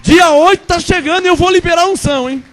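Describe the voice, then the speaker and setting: A Brazilian man in his forties preaches with a strikingly high voice for a man. He repeats his lines for emphasis and swings between ringing proclamations and hushed asides. His Brazilian Portuguese accent comes through clearly. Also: fast, a faint crowd. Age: 40s. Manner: fervent, repetitive, swings between loud proclamation and quiet asides. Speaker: pastor. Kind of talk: Pentecostal sermon.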